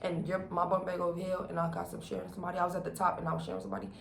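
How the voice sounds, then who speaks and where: A young adult woman vlogger telling a personal story in casual, animated slang, acting out what people said. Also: fairly low pitch, racing, gravelly. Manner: animated storytelling, acts out quotes, heavy slang and swearing. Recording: roomy echo with faint background noise.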